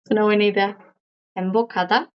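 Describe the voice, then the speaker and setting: Lady teaching korean, patient, slowish, kinda muffled audio. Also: fairly high pitch. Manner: patient, repeats words slowly, checks with "¿verdad?". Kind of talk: online class explanation. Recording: dull lo-fi audio.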